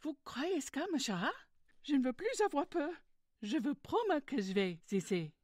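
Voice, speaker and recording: A woman playing a timid, weepy cowardly lion in a soft ASMR roleplay, fearful, plaintive and hesitant. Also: high voice, big pitch swings, normal speed, no room sound, clean studio sound. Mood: anxious resolve.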